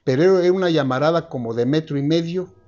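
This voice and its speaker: Older Mexican man, halting recollection. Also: fairly high pitch, a little mellow, muffled recording. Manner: halting, with restarts and fillers. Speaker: eyewitness interviewee. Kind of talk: recounting a memory. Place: dark room, seated. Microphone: lapel mic.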